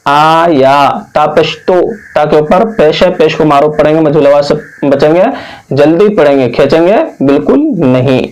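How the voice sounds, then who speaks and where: A man from India teaching Quran reading, spelling out each word slowly and patiently, drawing out long vowels. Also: fairly high pitch, a little mellow, poor audio. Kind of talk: slow spelled-out recitation lesson.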